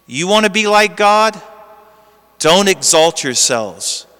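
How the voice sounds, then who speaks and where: Priest reading gospel and preaching, high bright voice, slow and measured, big cathedral echo. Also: male voice, very animated, smooth. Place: large church. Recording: long cathedral-like church reverb.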